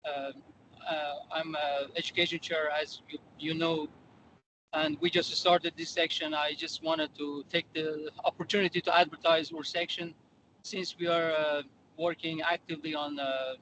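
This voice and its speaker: A man's voice: on the high side, flat delivery, normal speed, fairly bright tone, poor audio. Hesitant man on a car speakerphone. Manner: hesitant, many "uh" fillers. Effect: calling in by phone from a car while driving. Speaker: section education chair. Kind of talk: meeting remarks. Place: in a moving car. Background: faint car noise.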